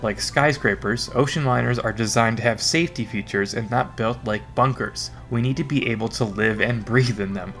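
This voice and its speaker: A man's voice: medium pitch, normal speed, hardly any pauses, a bit bright, soft background music. A man narrating a scripted history lesson in an informal, wry and sarcastic way. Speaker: history educator.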